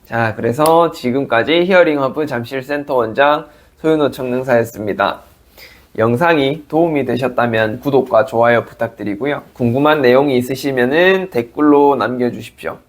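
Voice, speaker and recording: Male audiologist, mid-pitched, calm polite explainer, video lesson. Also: moderate pace. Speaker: audiologist and hearing center director.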